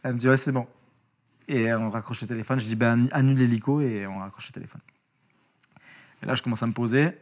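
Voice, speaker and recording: A man speaking as an interview guest, telling a story in a casual, lively way, with slang, swearing and many restarts. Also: mid-range voice, fast, long pauses.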